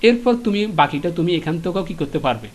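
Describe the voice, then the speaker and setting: A man teaching an English lesson to schoolchildren, explaining patiently with frequent filler pauses and repeated questions. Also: on the high side, very animated.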